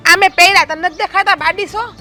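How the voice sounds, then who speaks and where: Woman doing a bossy village bhabhi, high sharp voice, always scolding, family drama. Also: fast talker, soft background music. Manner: scolding, blunt and quarrelsome. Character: strict sharp-tongued village woman, elder sister-in-law.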